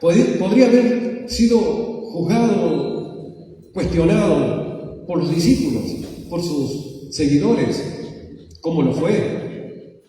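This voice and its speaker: A man delivers a sermon in a church, his voice fairly high yet mellow, with slow dramatic pauses and impassioned swells. The sound carries from a distance and rings through the echoey hall, over faint room noise. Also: animated. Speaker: pastor. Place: church sanctuary.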